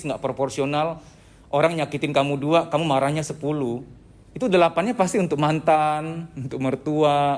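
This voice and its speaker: Male trainer, slightly high voice, lively lecturer who acts out quotes and jokes. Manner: animated, acts out quoted speech; joking asides. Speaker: psychology trainer.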